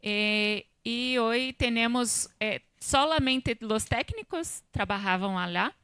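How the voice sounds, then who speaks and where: Slow Brazilian woman mixing Spanish and Portuguese. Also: fairly high pitch, bright, forceful tone, smooth, no echo. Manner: halting, searching for words. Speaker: panel speaker. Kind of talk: panel presentation.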